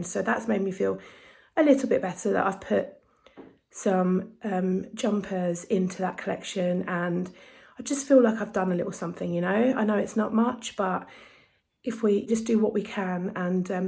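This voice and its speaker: A woman's voice: mid-range voice, gravelly, a little mellow. A woman chatting upbeat to the camera in a casual vlog, talking from her home kitchen. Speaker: vlogger.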